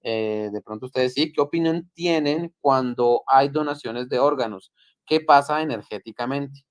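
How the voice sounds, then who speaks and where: Affirming Colombian host, dry close voice. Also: male voice, medium pitch, moderate pace, dry recording. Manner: agreeable, affirming, steady. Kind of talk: live-stream discussion.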